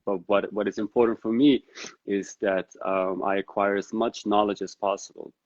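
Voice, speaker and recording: This guest on a podcast is a man from the Netherlands with Dari as his first language, taking part in an easygoing interview. His flat voice is somewhat low and moves at a moderate pace, reflective and earnest as he thinks aloud. The sound is dull lo-fi with no echo.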